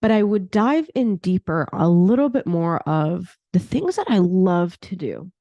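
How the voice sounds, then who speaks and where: Her fairly low, mellow voice has a sing-song lilt and a slightly slow pace as this woman in her thirties hosts her own podcast. She's chatty and casual, saying "like" often and laughing at herself. The recording has no room sound but the audio is dull.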